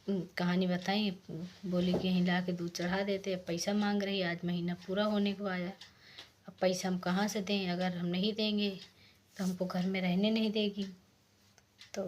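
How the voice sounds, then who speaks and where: A woman's voice: mid-range voice, a little hiss or hum. Woman telling a folk tale. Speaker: storyteller. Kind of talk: casual folk tale narration.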